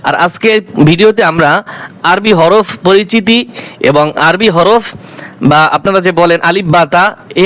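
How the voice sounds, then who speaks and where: High-voiced male Quran teacher. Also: fairly bright tone, no echo. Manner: patient, repeats each letter aloud several times; asks the class questions and answers them himself. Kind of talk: step-by-step recitation lesson.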